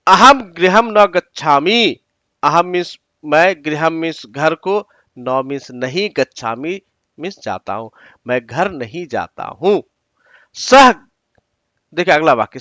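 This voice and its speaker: High-voiced man teaching word by word. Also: fairly bright tone, dry recording, studio quality. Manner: explains word by word, repeats often; slows to spell out example sentences. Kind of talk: online exam-prep lesson.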